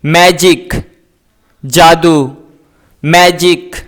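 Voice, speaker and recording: A man teaching English words, saying each word and its meaning twice in a slow, deliberate drill. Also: on the high side, level tone, fairly bright tone.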